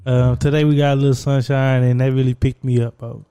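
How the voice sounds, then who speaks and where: American guy just chatting, slangy, relaxed smooth voice, podcast co-host. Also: medium pitch, brisk. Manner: slangy, conversational. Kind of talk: casual chat.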